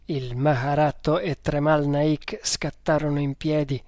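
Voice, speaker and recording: A man narrating an adventure novel in a measured, deliberate storytelling manner. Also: a little high, level tone, a little mellow, no echo, studio quality. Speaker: audiobook narrator.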